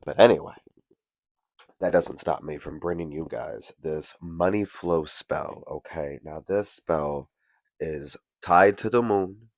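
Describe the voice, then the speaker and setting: Very deep-voiced nasal man, congested. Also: slow pace, no room sound, studio quality. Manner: chatty, profane, self-deprecating. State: congested from allergies. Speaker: witchcraft channel host. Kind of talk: casual spell tutorial.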